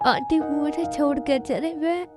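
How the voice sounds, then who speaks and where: A woman's voice: high voice, normal speed, close to an everyday voice. A woman voicing a young pregnant lover who pleads and stammers through tears, in a fan dub. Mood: tearful. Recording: music in background.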